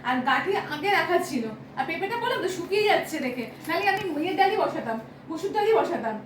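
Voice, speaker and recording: Vlogger wife, West Bengal accent, very high and quick, roomy distant kitchen sound. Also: female voice, big pitch swings, slight background noise. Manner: rapid complaining talk with many fillers. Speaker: vlogger and homemaker. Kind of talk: casual domestic argument. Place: home kitchen.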